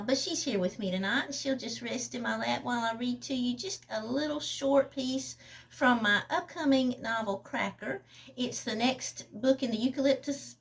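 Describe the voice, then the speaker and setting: Chatty woman reading her own novel. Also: fairly high pitch. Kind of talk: casual intro and reading a novel aloud.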